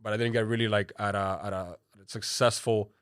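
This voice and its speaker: A Cuban-born man in his thirties talks casually as a podcast guest, his voice sitting a little low. He rambles, leaning on "you know" and "like", and the sound is close and dry with no room echo. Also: flat delivery, fast, smooth. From Cuba. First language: Spanish. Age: 30s. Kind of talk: casual interview talk.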